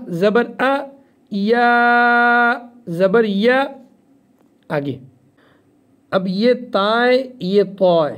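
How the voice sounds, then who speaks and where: A man with an Urdu accent teaching Quran reading, stretching out each letter name, then explaining quickly. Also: high voice, dark tone. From Pakistan. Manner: drawn-out letter names, quick asides. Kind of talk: slow recitation lesson.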